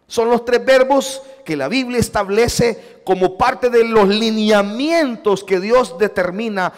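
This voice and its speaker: A man's voice: sits high, slow, in a large hall. A man, a pastor with a Salvadoran Spanish accent, preaching a sermon and acting out the dialogue of his stories. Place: church sanctuary.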